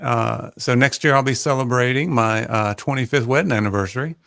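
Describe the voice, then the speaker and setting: On a casual livestream, a guest who teaches high school math speaks in a soothing, gravelly, medium-pitched voice. He's a North Carolina man in his 40s, relaxed yet hesitant, often pausing and filling gaps with "um"-type fillers. His home podcast mic picks up no room sound.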